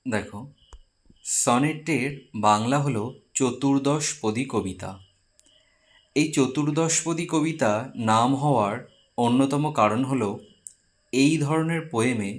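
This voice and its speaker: A man teaching a class, with Bengali as his first language. He explains patiently, step by step, and slows right down to spell out English terms. His pitch sits in the ordinary middle range. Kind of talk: classroom lecture.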